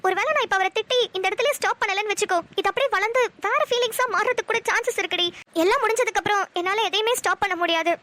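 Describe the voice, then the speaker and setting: A woman's voice: extremely high pitch, very fast, pushed and bright, slight background noise. A woman voicing a guarded young woman in a cartoon who explains herself anxiously and defensively. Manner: anxious, self-justifying. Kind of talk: Tamil cartoon voice acting.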